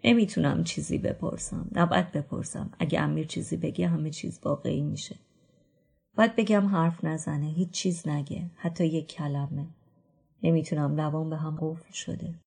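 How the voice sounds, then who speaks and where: A woman reads a novel aloud in the first person, quiet and inward. Her voice sits low with a gravelly, husky grain. She often softens almost to a whisper. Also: steady tone. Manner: quiet, introspective, drops to whispers. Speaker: book reader. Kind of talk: first-person literary narration.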